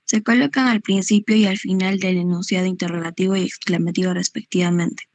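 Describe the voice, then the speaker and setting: A woman's voice: fairly low pitch, steady tone, fairly quick, a little mellow, dry recording. A woman reads a passage aloud for her class, steadily and carefully. She is close to her microphone, and the sound is dry. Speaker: student. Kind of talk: reading a text aloud in class.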